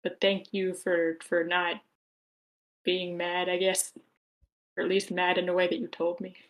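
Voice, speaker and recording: In an online live meeting room, a woman moderates a script table read, speaking informally in a wry, rambling way and occasionally reading out chat comments. Her voice is on the low side, completely flat, and a little slow.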